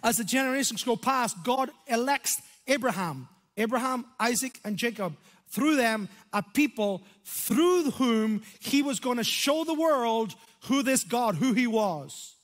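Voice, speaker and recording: A man in his fifties from Ireland with an Irish accent, preaching a sermon on a church stage through a headset mic, animated, with slow, dramatic emphasis on key words. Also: very high-pitched. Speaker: pastor. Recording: long hall reverb.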